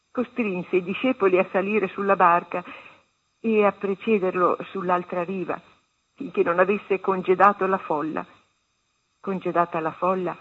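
A woman reading a meditation and a Gospel passage aloud on a religious radio program, in a measured, solemn way. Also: lowish voice, breathy edge. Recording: tinny phone-line sound.

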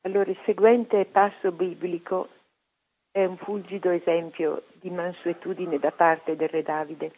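A scripture reader giving a solemn, deliberate reading of a Bible passage over the radio. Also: medium pitch, flat delivery, husky. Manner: slow, solemn, deliberate delivery. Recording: tinny phone-like radio broadcast.

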